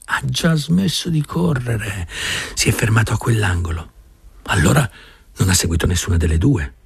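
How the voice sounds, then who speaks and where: A man voicing two gossiping young village women who talk quickly in half-whispers. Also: fairly low pitch, expressive, gravelly, husky, dry recording, heavily acted. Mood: wary gossip.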